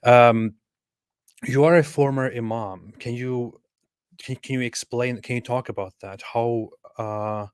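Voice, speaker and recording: A man's voice: mid-range voice, steady tone, measured pace, clean tone, no echo, clean studio sound. A man hosting a casual livestream interview, speaking hesitantly and often repeating his questions.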